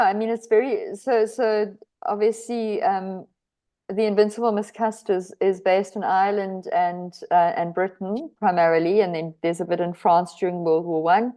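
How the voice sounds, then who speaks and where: A woman's voice: mid-range voice, warm tone. A woman from South Africa with a South African accent, an author answering podcast interview questions with lots of hesitant restarts and easy laughter. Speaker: author guest.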